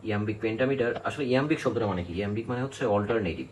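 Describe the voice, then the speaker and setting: A man's voice: on the low side, racing, background noise. Man giving a step-by-step exam lecture. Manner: explains step by step, counts syllables aloud, asks "কেমন?" often. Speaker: literature teacher.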